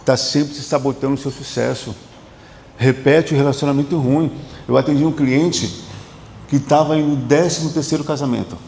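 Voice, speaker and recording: Male therapist, gravelly mid-pitched voice, emphatic storyteller, roomy hall reverb. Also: steady tone, moderate pace, darkish tone, slight background noise. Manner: conversational, repetitive, emphatic storytelling. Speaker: psychotherapist. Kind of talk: motivational talk with client stories.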